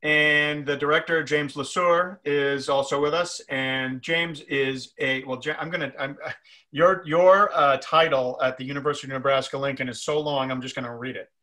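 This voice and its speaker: A middle-aged man hosting a live video-call interview, introducing guests with halting, hesitant phrasing. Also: fairly high pitch, fairly even intonation, sharp tone. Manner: halting, many fillers and restarts. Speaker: festival program director, host. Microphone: webcam on video call.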